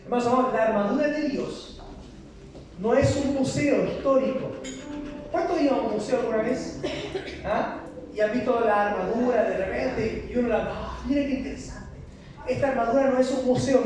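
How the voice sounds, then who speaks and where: A man preaching a passionate sermon, asking the congregation rhetorical questions. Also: extremely high pitch. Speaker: pastor. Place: church hall. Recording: echoey hall from far off with noise.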